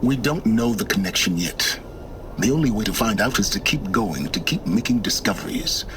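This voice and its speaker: This man's voice sits on the low side with lively intonation, close to how he'd normally talk, as he voices a cold, distant scholar-mentor in a game cutscene. He speaks in a slow, deliberate, clipped and condescending way over game audio with clear background noise.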